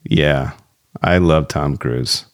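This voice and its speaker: A man's voice: very deep voice, very slow. A young man co-hosting a podcast, chatting casually and laughing as he reads listener reviews aloud. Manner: laughs often while reading reviews aloud. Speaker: podcast co-host.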